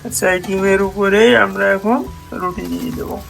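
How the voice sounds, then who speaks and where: A young man chatting to viewers in a casual late-night cooking vlog, mixing in English words and often speaking softly. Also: high-pitched, flat delivery, a little fast, creaky, faint music behind, low-quality recording. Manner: speaks in a hushed voice so as not to wake a sleeping roommate. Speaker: vlogger. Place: small kitchen at night, indoors.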